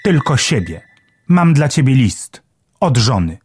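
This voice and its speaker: Brief: helpful little butterfly postman for a children's audiobook, light, brisk, cheery, read by a man. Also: mid-range voice, big pitch swings, darkish tone, slight background noise, voice pushed up. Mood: friendly. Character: dutiful friendly male butterfly postman. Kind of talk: storybook audiobook reading.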